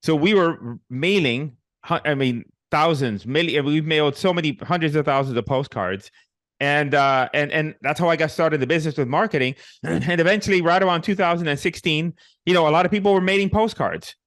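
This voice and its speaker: A man's voice: fairly high pitch, fairly quick, a bit bright, no echo, clean studio sound. A middle-aged man from Puerto Rico with a Puerto Rican accent, telling his story as a guest in a casual interview, joking and dropping in many fillers and restarts. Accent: Puerto Rican Spanish. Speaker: guest, real estate investor.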